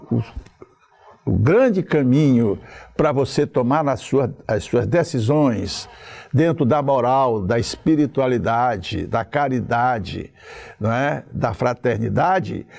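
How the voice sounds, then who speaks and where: An older man giving a spoken lecture, slow and deliberate, pausing often between phrases. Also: a little high, creaky, warm tone.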